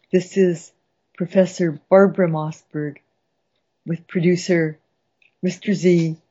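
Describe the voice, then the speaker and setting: A woman hosting a radio poetry show, reading and reciting poems with slow, dramatic relish. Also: fairly low pitch, mellow, husky, dull audio. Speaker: radio host and poetry professor.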